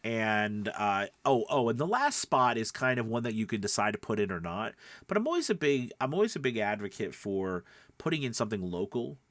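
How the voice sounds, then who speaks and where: Here the same stuffy-nosed voice-over coach and podcast host sounds lowish and sing-song, moving a little fast with a fairly bright tone on a dry recording. It's a relaxed, conversational lesson delivered to camera, full of emphasis and frequent check-ins with the viewer.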